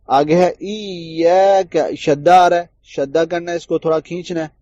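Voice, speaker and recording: A man teaching tajweed in a Quran recitation lesson. He explains common mistakes, then recites the example words slowly and drawn out. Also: fairly high pitch, steady tone, a little mellow, no echo, muffled recording.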